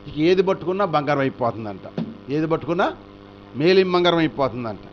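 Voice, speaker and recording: A male pastor preaching a storytelling sermon, animated and asking the congregation rhetorical questions. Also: fairly high pitch, a little fast, dull audio, slight background noise.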